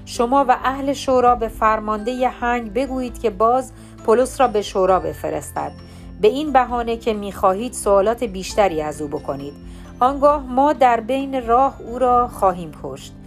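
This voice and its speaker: A woman's voice: on the high side, faint music behind, close to an everyday voice. A woman reading grim plotting men. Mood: resolute. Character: a group of men plotting a killing, grim and resolute.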